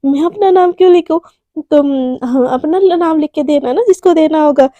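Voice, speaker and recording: Narrator as an impatient top student girl, high and mellow-toned, clipped. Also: normal speed, dry recording, muffled recording, close to an everyday voice. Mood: brusque. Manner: curt, dismissive, a bit exasperated. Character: brisk no-nonsense female class topper.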